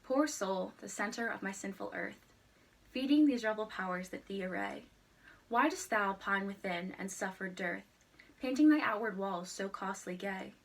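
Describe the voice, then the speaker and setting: A woman reciting a sonnet in a formal, measured way. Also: medium pitch, creaky. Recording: distant microphone.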